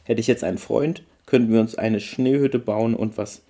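A man's voice: lowish voice, fairly even intonation, normal speed, dark tone, natural voice. A man voicing a lonely, grumpy male forest creature in a storybook reading. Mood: wistful. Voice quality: grumbling.

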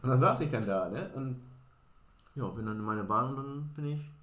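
A man's voice: medium pitch, moderate pace, a bit bright. A man co-hosting a podcast who tells an anecdote in casual chat and acts out the voices of the people in it. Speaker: podcast co-host. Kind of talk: casual storytelling. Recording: roomy echo.

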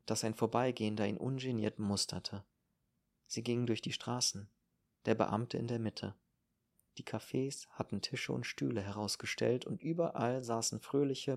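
A man reading an audiobook in a calm, measured narration. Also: lowish voice, gravelly. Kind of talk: scripted narration.

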